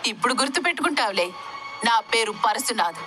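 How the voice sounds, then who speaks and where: Commanding male exorcist, read by a woman, firm, bright tone, storybook reading. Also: fairly high pitch, animated, a little fast, slight background noise.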